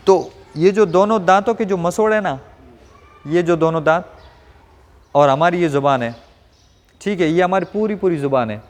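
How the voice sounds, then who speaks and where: A man from Rajasthan teaching Quran pronunciation to a class, asking questions and modeling each sound slowly. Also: on the high side, long reverb tail. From Rajasthan, India. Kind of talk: classroom lesson.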